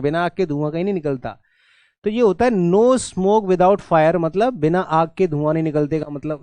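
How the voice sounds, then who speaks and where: A man's voice: on the high side, darkish tone, no room sound. A middle-aged Indian man, an English teacher, explaining exam idioms in an online class and mixing in Hindi with a teasing, scolding manner. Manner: switches between English and Hindi explanations, scolds students jokingly.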